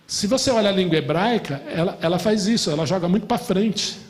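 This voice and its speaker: A man from Brazil, a middle-aged pastor, teaching a lively Bible class, asking the class questions and joking. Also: high voice, brisk, long reverb tail. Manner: animated, asks the class questions and jokes.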